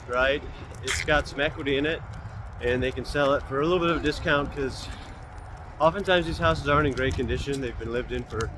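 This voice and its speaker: Clear street and car noise surrounds a man speaking outdoors as he walks. His pitch is average for a man. He explains things in a casual, conversational way, like a real estate agent addressing regular viewers. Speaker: real estate agent hosting a weekly video. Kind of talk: casual informal talk to camera while walking. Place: outdoors on a walk. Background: cars and outdoor ambience.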